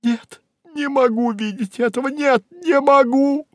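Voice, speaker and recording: A man's voice: a little slow, a bit bright, no echo, clean studio sound. A man voicing a young, pretty female secretary who is hysterical and weeping, her voice a little nasal from crying. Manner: shrill, frantic exclamations. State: sobbing.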